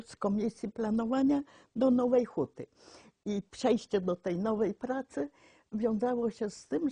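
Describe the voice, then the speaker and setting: Husky, mellow-voiced elderly woman telling stories. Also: on the high side, no echo. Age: 80s. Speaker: local resident being interviewed. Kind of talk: informal personal storytelling. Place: small cluttered room indoors.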